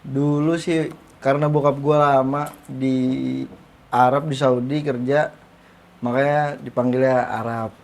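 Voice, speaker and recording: A man sits in as a guest in a casual interview. He answers briefly and easily in a middle-pitched voice. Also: level tone, measured pace, creaky, a little mellow. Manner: easygoing, brief replies.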